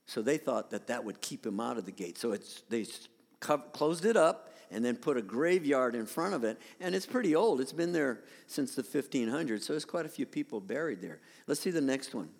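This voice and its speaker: Speaking at a medium pitch and a fairly quick pace, an animated male pastor gives a conversational sermon with slides. He shows his congregation pictures on a screen and often begins sentences again, all within the long reverb of a hall.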